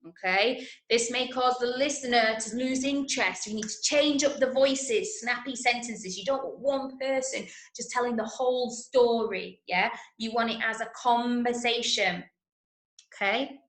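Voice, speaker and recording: Teaching an interactive online drama workshop for children, a woman from Manchester, England speaks emphatically and keeps checking understanding with frequent tag questions. Her voice is a little high, unhurried and a bit bright, and the video call picks up an echoey indoor room.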